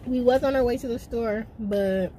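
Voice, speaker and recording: Young woman, high voice, vlog host, chatty, loud, playful, traffic noise through open car window. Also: normal speed, rough recording. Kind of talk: casual chat.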